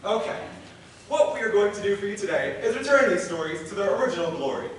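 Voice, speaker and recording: Teen guy as a snarky narrator, high bouncy voice, far away in an echoey hall. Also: lively intonation, quick pace, noisy background. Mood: sarcastic. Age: late teens. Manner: dry and sarcastic. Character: sarcastic young male stage narrator. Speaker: high school stage actor. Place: school auditorium stage.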